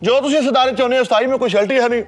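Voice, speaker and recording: A man's voice: very high voice, steady tone, racing. A man in a comedy sketch, stubbornly scolding and brushing others off. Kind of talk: rapid comic banter.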